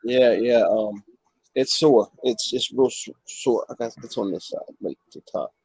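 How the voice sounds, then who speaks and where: Male live-chat co-host, mid pitch, husky, halting casual delivery. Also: a little mellow, no echo, low-quality recording. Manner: halting, many fillers and restarts.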